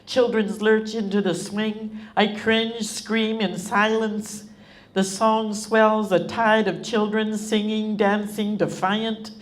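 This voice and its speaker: A woman reads her own poetry to a live audience. Her delivery is slow and deliberate, with a steady rhythmic cadence. Her voice sits in a middle register and carries quiet feeling. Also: medium pitch. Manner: emotionally moved at points. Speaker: author reading her own work.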